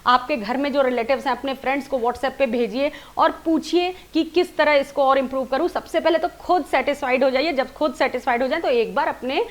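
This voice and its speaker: A woman's voice: high-pitched, steady tone, fairly quick, few pauses. A woman giving a spoken lesson on presenting, explaining step by step and demonstrating sample lines with stressed words. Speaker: presentation skills coach.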